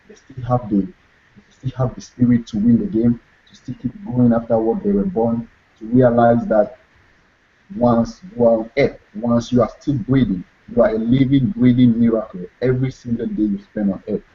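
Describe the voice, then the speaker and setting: Appearing as a guest author, this young Cameroonian man speaks earnestly in a motivational interview, returning again and again to his key phrases. He has a mid-range, steady voice at normal speed, captured in a dull lo-fi recording.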